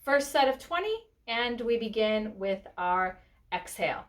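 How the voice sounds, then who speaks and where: A woman's voice: a little high, lively intonation, a little slow. A woman yoga instructor giving a step-by-step spoken breathing lesson, explaining instructively with casual check-ins.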